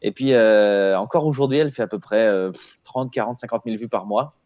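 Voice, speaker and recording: Brisk and fairly low-pitched with a darkish tone, a comedian guest in his thirties chats easily in a relaxed interview, laughing frequently and filling pauses with fillers. He joins by video call from a small room at home using an earphone headset, and the slightly dull audio has no room sound.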